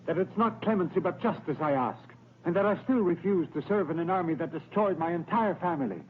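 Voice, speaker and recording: An actor playing an earnest, stubborn young Roman patrician, speaking formally in a dubbed historical film. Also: male voice, high voice, fairly quick, close to an everyday voice. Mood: aggrieved. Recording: tinny narrow-band old film soundtrack, noisy.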